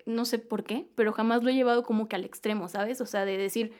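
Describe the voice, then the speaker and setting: A young woman with a Mexican accent chats casually, full of slang and easy laughter. Her voice sits a little higher than most. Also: fast. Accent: Mexican Spanish. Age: young adult. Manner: slangy, laughs often, animated storytelling. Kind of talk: casual chat.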